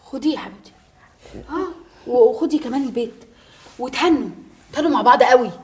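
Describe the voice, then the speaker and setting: A woman plays a betrayed young Egyptian mother in a web drama, her high voice quick and pressing. She swings between tearful laughter and bitter sarcasm. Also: expressive. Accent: Egyptian Arabic. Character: Naghm, wronged young mother, betrayed by husband and friend. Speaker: actress.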